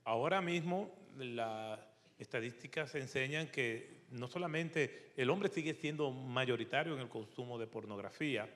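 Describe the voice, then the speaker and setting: A man on a church panel giving a steady, preacherly answer to a question. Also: medium pitch, a little slow. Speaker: panel speaker. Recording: long hall reverb.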